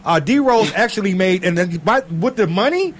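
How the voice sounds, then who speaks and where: A man's voice: moderate pace, a little hiss or hum. A man hosting a casual radio talk show from Chicago, joking and swinging his voice up and down. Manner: animated, jokey, swoops his pitch up and down.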